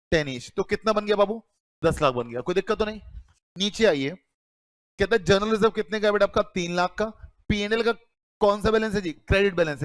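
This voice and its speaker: In a classroom lecture on accounting, a man with a high-pitched, slightly bright voice addresses students as "beta." He asks questions and then answers them himself. The recording has no room sound.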